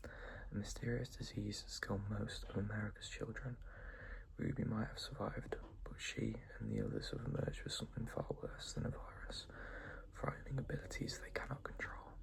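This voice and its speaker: Soft creaky library whisper, whispered role-play. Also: mid-range voice, low-quality recording. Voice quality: breathy whisper with some creak. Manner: library whisper, soft and unvoiced, softly reassuring. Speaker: librarian recommending books.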